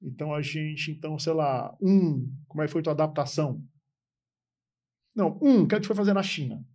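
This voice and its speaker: A man hosting an interview podcast, asking his questions in quick bursts and cutting in often. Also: on the high side, dark tone. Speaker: podcast host.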